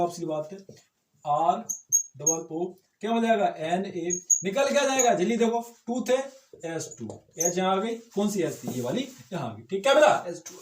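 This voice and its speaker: A man's voice: high voice, darkish tone, reverberant. A man teaching chemistry in a casual lecture style, with motivational asides and constant rhetorical check-ins with his students. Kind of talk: informal classroom lecture.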